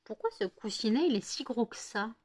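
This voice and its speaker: A woman's voice: fairly high pitch, animated, normal speed, darkish tone. A worn-out woman from France in a casual home vlog, cooing baby talk to her dogs after one hour of sleep. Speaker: vlogger.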